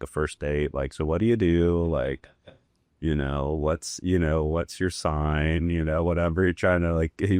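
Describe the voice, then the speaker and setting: A man with an extremely low voice hosts a relaxed round-table conversation. He rambles and circles back, leaning on filler words. The sound is dry and close. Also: dry recording. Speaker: podcast host. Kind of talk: casual round-table chat. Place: fishing lodge.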